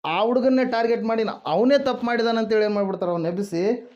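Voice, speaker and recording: A man's voice: extremely high pitch, fast talker, a little mellow, lo-fi sound. A man preaching a sermon who keeps asking the congregation questions, answering them himself and calling out hallelujah and praise the Lord. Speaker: pastor.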